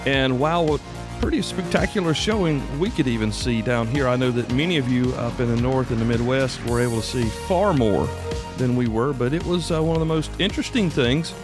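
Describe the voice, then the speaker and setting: A podcast host from South Carolina talks solo into a close mic, his medium-pitched voice moving a little fast over background music. He's casual and folksy, rambling along with plenty of asides.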